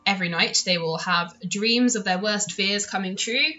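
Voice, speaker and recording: Bright-voiced woman running a tabletop game. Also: mid-range voice, normal speed, muffled recording, soft background music. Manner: playful, informal. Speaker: game master. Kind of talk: casual narration of a tabletop role-playing game.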